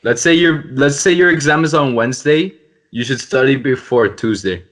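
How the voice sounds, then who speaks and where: A man's voice: mid-range voice, normal speed, a bit bright. A young man, a university student, hosting a casual podcast chat and teasing his friends with jokes. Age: young adult. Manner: teasing, joking banter. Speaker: podcast host.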